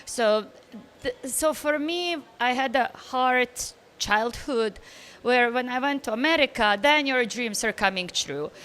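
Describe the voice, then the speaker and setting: High-voiced woman traveller. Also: measured pace. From Bosnia. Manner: animated storyteller, laughs easily, loose grammar. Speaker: guest traveller. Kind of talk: casual interview answers.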